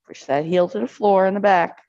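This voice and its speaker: A woman's voice: medium pitch, a little fast, warm tone, dry recording, highs cut off. A woman instructor leading an arthritis exercise class, counting reps aloud and encouraging the group.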